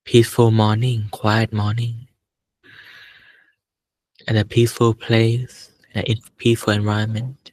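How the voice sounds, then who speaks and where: A meditation teacher with a low voice speaks slowly as he gives guided meditation instruction. He sounds calm and unhurried, leaving long pauses between short phrases, and there is no echo.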